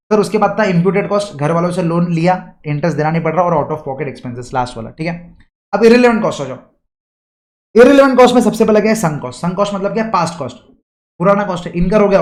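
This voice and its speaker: A man's voice: high-pitched, a little mellow, roomy sound. A man giving an exam revision lecture, who keeps asking rhetorical questions and uses everyday examples. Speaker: teacher.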